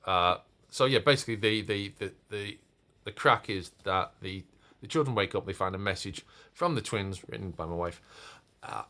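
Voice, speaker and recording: A man's voice: on the low side, lively intonation, moderate pace, bright, forceful tone. A man in his forties giving a rambling, self-mocking home vlog with puns, filmed on a phone or camera in his decorated family home. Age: 40s. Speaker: vlogger.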